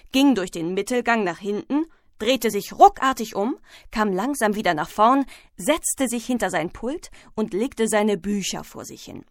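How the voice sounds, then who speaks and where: A woman reading a children's storybook aloud, clear and even. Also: medium pitch, no echo, studio quality. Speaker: narrator.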